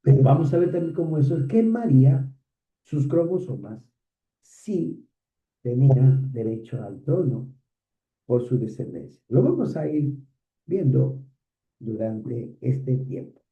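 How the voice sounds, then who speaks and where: A man's voice: medium pitch, animated, measured pace. A man preaching as a pastor, telling stories and acting out short bits of dialogue in a conversational sermon. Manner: conversational storytelling, acts out quoted dialogue. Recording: echoey, distant, phone-like sound.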